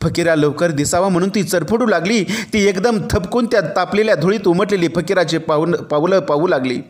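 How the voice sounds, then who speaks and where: A man narrating a novel as an audiobook, telling the story in an expressive way. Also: high voice, normal speed. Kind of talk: dramatic novel reading.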